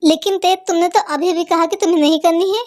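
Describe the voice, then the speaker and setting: A woman with a strikingly high voice plays out the scenes of a homemade dub. Her lines are teasing and playful, full of quick back-and-forth banter. A steady hiss of noise sits under the recording. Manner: playful, teasing, animated dialogue. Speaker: fan dub voice-over artist. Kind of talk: hindi fan-dub dialogue acting. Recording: noisy home recording.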